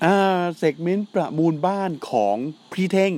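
A man's voice: high voice, normal speed, darkish tone. A man co-hosting a casual wrestling chat, speaking in a blunt, slangy and profane way. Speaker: podcast co-host.

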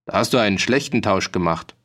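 A man's voice: fairly low pitch, expressive, a little fast, fairly bright tone. A man voicing a stern, dignified older magistrate who questions people formally. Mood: questioning.

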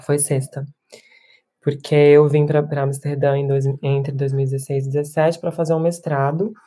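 A woman's voice: deep voice, level tone, normal speed, mellow. A woman in her thirties, a musician and performer, talking reflectively in an interview with restarts and tag questions. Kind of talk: casual interview talk.

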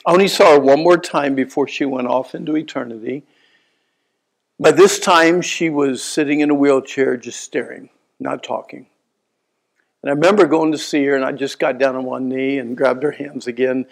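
A man in his sixties preaching a sermon, telling stories with animated swings between loud bursts and quiet asides. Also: mid-range voice, moderate pace, vocal fry, poor audio. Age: 60s. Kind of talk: sermon storytelling.

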